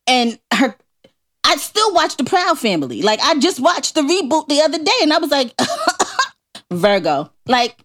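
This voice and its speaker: Animated, playful woman co-host. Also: high-pitched, unhurried. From New York. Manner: animated, playful, laughing often. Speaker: podcast co-host. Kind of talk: casual chat.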